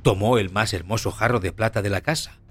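A man narrating a fairy tale with an expressive storytelling cadence. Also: fairly low pitch, brisk. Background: faint music.

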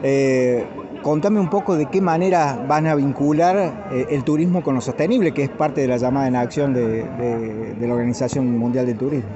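A male radio interviewer with a Cordoba Argentine accent speaks conversationally at a middling pitch. The sound is dull and lo-fi, with a clear crowd around him. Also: normal speed. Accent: Cordoba Argentine Spanish.

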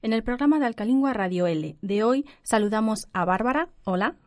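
A woman with a Spanish accent from Spain, presenting a radio program in a clear, measured teaching manner and interviewing students. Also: on the high side, lively intonation. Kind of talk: scripted narration and interviewing.

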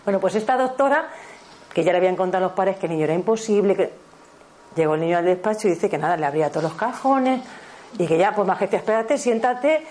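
A fairly low, animated, darkish voice comes from a woman in her fifties who teaches and speaks with a Spanish accent from Spain. Her spiritual parenting talk moves fast, full of self-corrections and check-ins with the audience.

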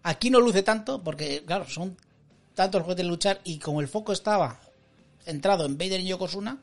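Gravelly-voiced Spanish man, joking co-host. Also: high-pitched, a little fast, faint music behind. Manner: jokey, ironic asides. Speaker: podcast co-host. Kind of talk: casual wrestling commentary chat.

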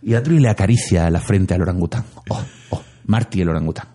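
Husky man telling a story. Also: deep voice, expressive, brisk, dark tone. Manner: jokey, dramatic retelling, acts out lines. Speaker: storyteller retelling a plot. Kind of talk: casual chat.

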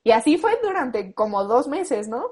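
A woman's voice: on the high side, normal speed, slightly rough. Slangy young Mexican woman telling a story. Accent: Mexican Spanish. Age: late teens. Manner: animated, slangy, acts out quoted lines. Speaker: guest. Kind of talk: casual storytelling.

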